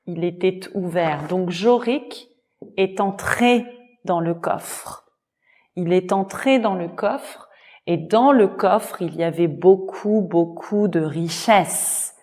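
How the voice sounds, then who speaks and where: A woman's voice: on the low side, slow, darkish tone. A woman telling a story for language learners, repeating and rephrasing each simple phrase. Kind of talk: slow story narration for learners.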